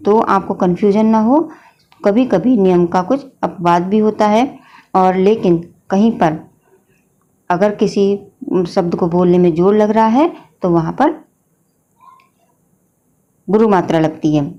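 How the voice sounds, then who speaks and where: A woman's voice: mid-range voice, a little slow, long pauses, warm tone, dull audio. A woman teacher explaining a grammar lesson patiently, often addressing her students as children. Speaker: Hindi teacher.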